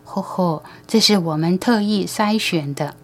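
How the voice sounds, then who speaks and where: A woman reading the lines of a calm male alien teacher in an audiobook, patient and knowing as he talks to human parents. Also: lowish voice, normal speed. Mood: gentle, instructive.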